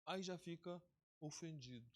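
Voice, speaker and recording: A man preaching a sermon as pastor of an online church service, lively and talking directly to his congregation by name. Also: a little high, measured pace. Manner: lively, talks straight to the congregation, calls people by name.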